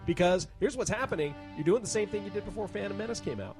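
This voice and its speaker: A man's voice: sits high, animated, quick pace, over music. A man delivering an emphatic, profane comedic rant to his podcast audience.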